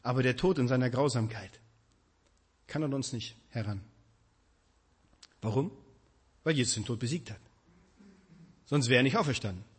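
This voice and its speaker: A man preaching a sermon, addressing his congregation directly with emphatic, animated delivery. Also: mid-range voice, moderate pace, pauses often, slightly rough.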